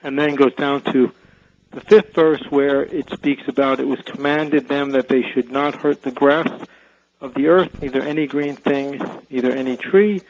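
A man's voice: mid-range voice, steady tone, darkish tone, no room sound. A man calling in to a radio show over a phone line, asking his question in a hesitant, careful way. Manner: hesitant, careful, pauses often. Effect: caller heard over a phone line on radio. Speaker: radio call-in caller. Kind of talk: call-in question to radio pastors.

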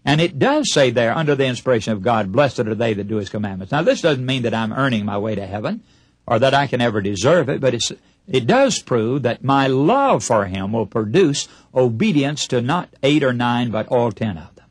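A man's voice: medium pitch, very animated, moderate pace, breathy edge, no room sound. A man preaching a broadcast Bible sermon, emphatic and putting rhetorical questions to his listeners. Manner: acts out short imagined dialogues. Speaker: radio preacher.

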